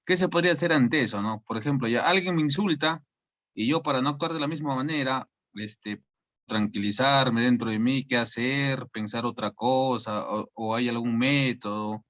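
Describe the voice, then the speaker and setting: A man's voice: mid-range voice, normal speed, fairly bright tone, muffled recording. A man asking a question in a session, hesitant and restarting as he searches for words. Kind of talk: casual question.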